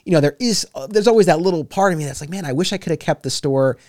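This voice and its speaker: A podcast host in his 30s chats casually in an interview, rambling a little with lots of fillers and restarts. His voice is fairly high and a little mellow, and he talks quickly. The recording is dry and studio quality.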